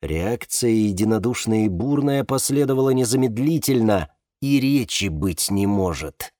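A man's voice: lowish voice, animated, normal speed, dark tone, no echo, studio quality. Man narrating an audiobook. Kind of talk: scripted narration.

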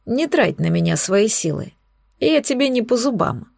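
A woman's voice: fairly high pitch, sing-song, normal speed, gravelly, a little mellow, no echo, clean studio sound, full character voice. A woman voicing a smug, possessive male demon in a storybook reading. He speaks in a mocking, self-assured way.

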